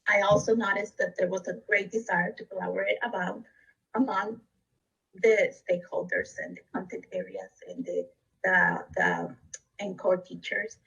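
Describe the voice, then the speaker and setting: Husky-voiced woman presenting. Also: medium pitch, fairly even intonation, normal speed, fairly bright tone, distant mic, lo-fi sound. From Costa Rica. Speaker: district education leader. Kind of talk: recorded webinar presentation.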